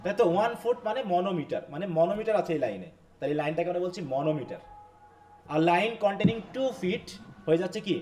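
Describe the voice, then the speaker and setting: Fast-talking Bangladeshi man teaching. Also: high voice, expressive, a little mellow. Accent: Bangladeshi Bengali. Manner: quizzing students, repetitive explaining. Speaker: English teacher. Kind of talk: live online class.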